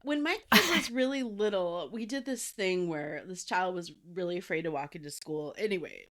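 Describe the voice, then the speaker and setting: A woman's voice: on the low side, normal speed, a bit bright. A woman in her forties with a Minnesotan accent, co-hosting a podcast and telling stories in a rambling, repetitive way. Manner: rambling storyteller, repeats words. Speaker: podcast co-host. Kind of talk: casual podcast chat.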